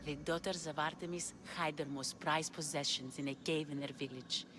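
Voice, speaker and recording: A woman's natural, low voice holds a steady tone at a moderate pace. She's an actress in a video game, earnestly pleading and explaining as a lovesick ancient Greek woman in desperate search of her lover, with music under the dialogue and a noisy background.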